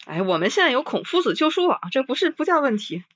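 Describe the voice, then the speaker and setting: A woman in a casual podcast chat about books, reading list items slowly and then commenting with sighing interjections. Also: high voice, sing-song, dry recording, highs cut off.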